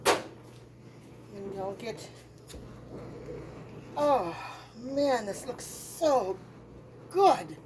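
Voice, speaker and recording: Woman, home cooking host, slow homey chat, high pitch, background noise. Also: lively intonation. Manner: chatty, slow and homey, talking with her mouth full. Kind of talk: casual cooking demonstration.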